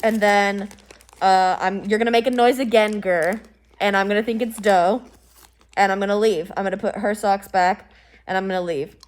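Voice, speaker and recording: A woman's voice: medium pitch, fairly even intonation, normal speed. Young woman, casual student chat, rambly and swears freely. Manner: rambling, filler-heavy, frequent swearing. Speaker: student planning a skit.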